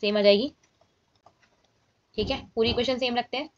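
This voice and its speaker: A woman's voice: on the high side, steady tone, moderate pace, highs cut off, slight background noise. A woman teaching a maths lesson and explaining each step aloud, often checking in with her students.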